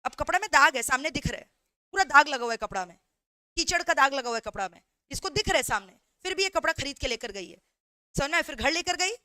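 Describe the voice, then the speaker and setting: Brief: a woman law tutor, lively storyteller who keeps asking if students follow, bright voice, dry close sound. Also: high voice, fast, no room sound. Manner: mixes in English phrases. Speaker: law teacher. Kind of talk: animated revision lecture.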